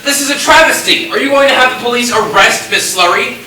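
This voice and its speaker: A narrator telling a play in a dramatic storytelling manner, quick to indignation. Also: mid-range voice, sharp tone, close to an everyday voice. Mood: indignant. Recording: very echoey room from far off with noise.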